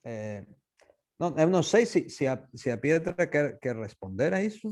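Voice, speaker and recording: A man with a Spanish-speaker's accent moderates an academic panel in a mellow, soft-edged voice. He is informal and hesitant, restarting as he slips between languages. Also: fairly high pitch, sing-song, normal speed.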